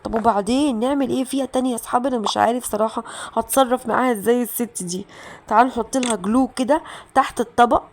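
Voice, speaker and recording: An excitable woman with an Egyptian Arabic accent talks viewers through a prank game, chatty and direct. Her voice sits on the high side. She often breaks into loud shouted reactions. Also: rapid-fire, slight background noise. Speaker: gaming channel host. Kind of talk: mobile game playthrough commentary.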